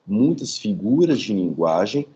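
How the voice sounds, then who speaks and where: A man's voice: fairly low pitch, very animated, measured pace, highs cut off, very noisy. A man, a professor giving an online lecture from home, explaining step by step and checking in with his listeners. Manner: didactic, checks in with "tá?". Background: dog nearby.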